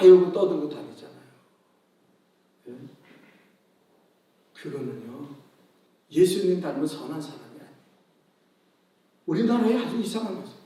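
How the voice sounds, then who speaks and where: High-voiced preaching man in a very echoey hall. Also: far from the mic. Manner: animated preaching with rhetorical questions and acted-out quotes. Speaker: pastor. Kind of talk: sermon. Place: church sanctuary.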